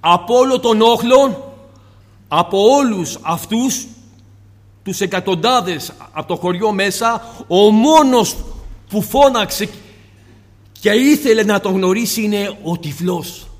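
High-voiced impassioned male preacher. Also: lively intonation, big-room sound. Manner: impassioned, rhetorical questions, sudden drops to soft tone. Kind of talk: sermon.

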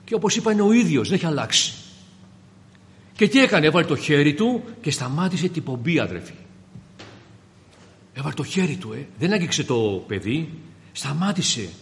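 A man preaching a sermon to his congregation, fervent and swinging from hushed passages to loud ones, often calling them brothers. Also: a little high, big pitch swings, pauses often. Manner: keeps addressing the congregation as brothers. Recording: long reverb of a large hall.

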